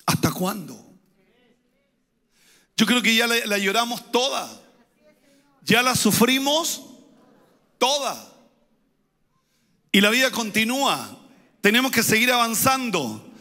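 A man's voice: very high voice, very animated, unhurried, pauses often, pushed and bright. A man, a pastor, preaching a sermon with emphatic, repeated phrases and rising intensity. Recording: hall reverb.

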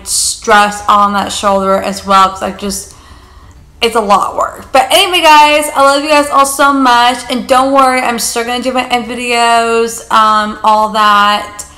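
A young woman chats to her camera from a living room couch in a bright, slightly raised voice. She rambles warmly, stacking up fillers. The room gives her voice a noticeable echo. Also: on the high side. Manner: chatty, rambling, fillers of like and you guys. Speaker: vlogger. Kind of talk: casual vlog chat to camera.

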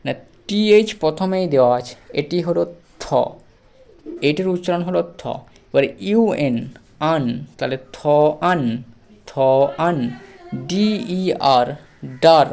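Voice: mid-range voice, slow, long pauses, a little mellow. A teacher giving a pronunciation lesson to students, spelling words letter by letter, repeating each sound and asking and answering their own questions.

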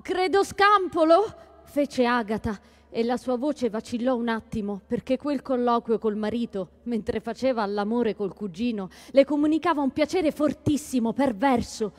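A woman giving a measured staged reading of a literary story in a library hall. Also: a little high, darkish tone. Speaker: stage reader.

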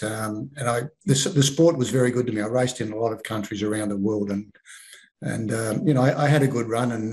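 An Australian man in his sixties, an author, telling stories in a relaxed way with frequent ums and restarts over a video call from his home lounge room. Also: mid-range voice, low-quality recording. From Melbourne, Australia. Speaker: author guest. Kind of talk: casual interview. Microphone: video call webcam.

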